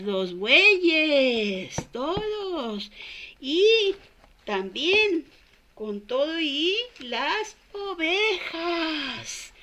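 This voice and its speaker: An older woman voicing a male king who solemnly proclaims a fast, earnest and pleading, with halting repeats. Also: high-pitched, bright, forceful tone, voice pushed up, exaggerated voice.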